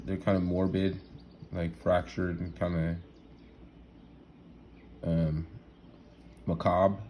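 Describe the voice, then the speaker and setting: A man talking through an idea in a rambling, excitable monologue, full of restarts and asides, laughing at himself now and then. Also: sits low, slight background noise. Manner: rambling, restarts often, lots of fillers and "right?". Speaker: solo vlogger.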